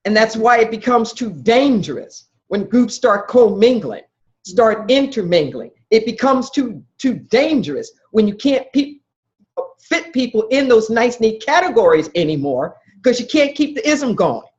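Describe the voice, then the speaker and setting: A woman's voice: a little high, darkish tone, highs cut off. A woman minister teaching a class, emphatic, posing questions to her listeners and repeating their answers back. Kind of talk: interactive spiritual lecture.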